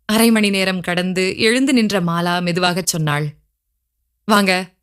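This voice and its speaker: A woman storyteller reading a scripted story in a steady, even narrative voice. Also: fairly low pitch, normal speed, clear, resonant tone.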